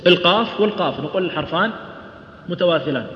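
A man's voice: high-pitched, animated, quick pace. Man teaching Quran recitation in an echoey hall. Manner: explains patiently, models recitation, asks students questions. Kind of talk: tajweed lesson to students. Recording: roomy lo-fi hall recording.

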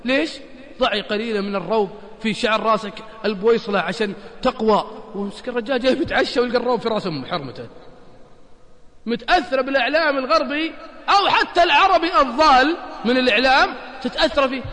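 A man with a Gulf Arabic accent delivers a lively, joking sermon full of anecdotes and questions to the crowd. His voice sits very high and sounds bright and sharp, and he talks fast. The sound rings with long hall reverb. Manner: animated, joking, addresses audience as brothers. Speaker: religious preacher.

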